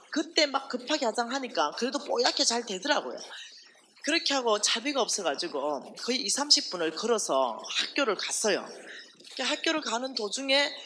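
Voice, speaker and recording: A woman preaches a testimony at a revival, her bright, forceful voice rising and falling widely as she acts out the story. She keeps asking her listeners rhetorical questions. Faint noise sits under the talk. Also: on the high side. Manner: animated storytelling, acting out quoted voices; addresses the audience directly with rhetorical questions. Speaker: ministry staff speaker at a revival meeting. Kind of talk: testimony sermon to a congregation.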